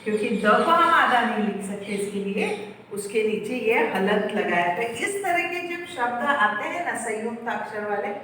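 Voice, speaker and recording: A woman's voice: fairly high pitch, animated, normal speed, pushed and bright, a little hiss or hum. A woman teacher patiently explaining how to write and pronounce letters, step by step, in a lesson. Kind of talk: Hindi grammar lesson. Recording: echoey room, far from the mic.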